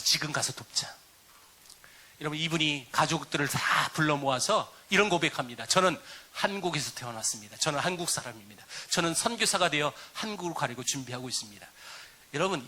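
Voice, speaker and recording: Middle-aged male pastor, sermon delivery, slightly high voice, animated storyteller. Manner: lively storytelling preacher, dropping to hushed tones for quotes.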